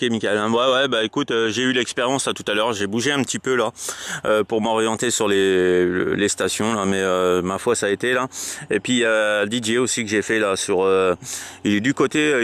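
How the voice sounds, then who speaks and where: Filming his video outdoors on open high ground, a French amateur radio operator chats casually over a radio contact. His fairly low voice is brisk, smooth, and fairly bright, and he speaks hesitantly with repetitive verbal tics.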